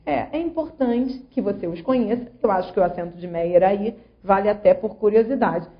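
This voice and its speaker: This is an online grammar lesson in slightly dull lo-fi audio. The woman teaching speaks fairly quickly at medium pitch, patiently working through rules one syllable at a time and inviting the viewer to follow.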